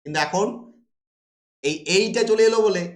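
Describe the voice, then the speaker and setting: A man's voice: high-pitched, moderate pace. A man teaching a class, lecturing and posing rhetorical questions that he then answers himself. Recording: roomy echo.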